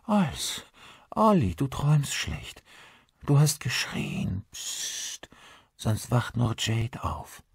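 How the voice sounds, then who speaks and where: A man voicing a gentle woman who softly and calmly soothes her partner in an audiobook thriller. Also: lowish voice, slow, creaky, hardly any pauses, breathy edge, dry recording, studio quality, pitched above the performer's own voice, heavily acted. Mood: soothing. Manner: soft, calming, slightly worried.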